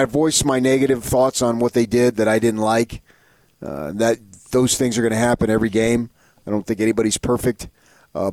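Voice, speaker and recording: A man's voice: mid-range voice, darkish tone, dry recording. A man co-hosting sports talk, giving conversational commentary and repeating phrases for emphasis. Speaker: sports radio co-host.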